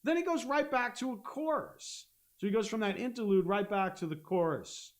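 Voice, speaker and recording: A man teaching a guitar lesson on a live stream, explaining step by step and humming out rhythms, with loud guitar playing behind him. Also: sits high, moderate pace. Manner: explains step by step, hums rhythms, checks in with "okay?". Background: guitar playing and looper.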